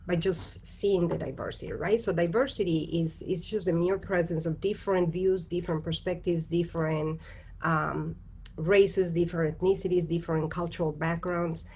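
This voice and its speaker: A woman's voice: lowish voice, steady tone, moderate pace, darkish tone, slightly rough. A woman from Costa Rica, speaking as a guest on a virtual panel, explaining earnestly and often checking in with "right?" over a video call. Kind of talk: conversational virtual panel talk.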